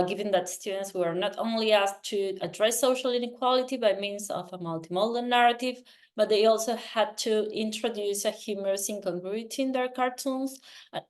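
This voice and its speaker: A researcher from Argentina giving an academic presentation in a measured way, with many filler sounds. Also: female voice, medium pitch, fairly even intonation.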